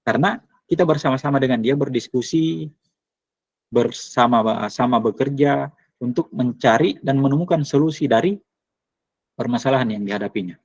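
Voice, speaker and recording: A man presenting to teachers, speaking hesitantly with many pauses and fillers. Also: mid-range voice, a little mellow, breathy edge, dry recording. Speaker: teacher trainer. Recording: dull lo-fi recording.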